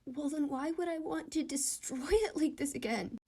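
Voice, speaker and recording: A woman's voice: sits high, steady tone, measured pace, gravelly, dark tone, husky, full character voice. A woman voicing an anxious, distressed teenage boy in a whispered role-play, with shaky, pleading, self-questioning speech. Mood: distraught.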